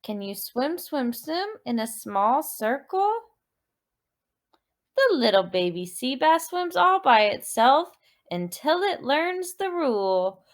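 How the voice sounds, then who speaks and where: A woman teacher with a high-sitting voice reads a children's movement story. She is expressive and deliberate, prompting listeners with questions and repeated words.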